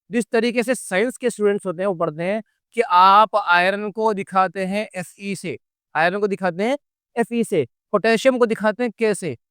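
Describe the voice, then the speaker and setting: Man, patient teacher, high smooth voice, dry close sound. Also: no echo. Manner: patient, repeats key points, addresses students as kids. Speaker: commerce teacher. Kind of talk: classroom-style lesson.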